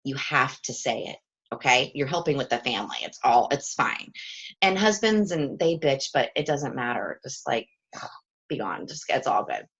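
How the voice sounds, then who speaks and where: A woman's voice: extremely low pitch, animated, moderate pace, a bit bright, slightly rough, dull audio. A woman leading a live coaching chat with her team from home, upbeat and chatty and often checking in with "okay?".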